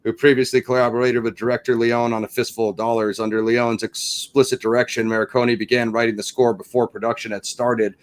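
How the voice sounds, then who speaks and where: A man's voice: medium pitch, level tone, brisk, few pauses. Chatty man reading film trivia. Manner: reads trivia then riffs on it; chatty, many fillers like "you know". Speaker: podcast host. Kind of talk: casual film review chat.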